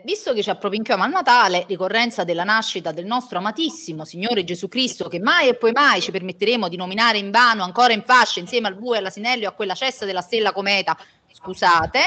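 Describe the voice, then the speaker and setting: A woman's voice: mid-range voice, sharp tone. A woman co-hosting a casual, humorous football podcast. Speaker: podcast co-host. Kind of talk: casual chat and humorous letter reading.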